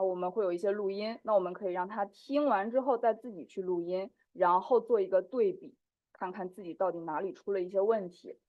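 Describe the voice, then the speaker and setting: A woman teacher giving a conference talk, explaining at a steady pace with small fillers. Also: medium pitch. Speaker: conference speaker, Chinese teacher. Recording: dull lo-fi audio.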